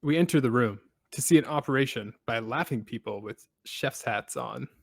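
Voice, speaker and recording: Male podcast host, casual recapper with deadpan asides, dry close sound. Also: mid-range voice, moderate pace, gravelly, slightly rough, dry recording. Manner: steady storytelling with dry asides.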